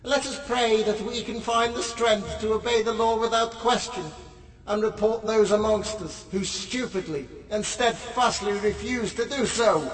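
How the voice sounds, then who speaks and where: A man's voice: very high voice, fairly bright tone, reverberant, long reverb tail, distant mic, low-quality recording. A man voicing a pompous, bombastic tyrant leader who proclaims himself God, in a comedy audio sketch.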